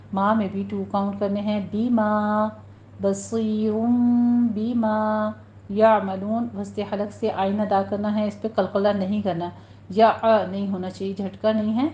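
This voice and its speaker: A woman teaching a tajweed lesson, patiently explaining pronunciation rules and slowly repeating words for her students to practice. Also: medium pitch, dark tone, highs cut off, slight background noise. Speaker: Quran recitation teacher.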